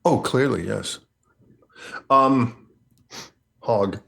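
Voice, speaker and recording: A man's voice: mid-range voice, drawn-out words, gravelly, fairly bright tone. A man chatting casually on a game stream, rambling and joking. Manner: rambling, jokey, laughs often.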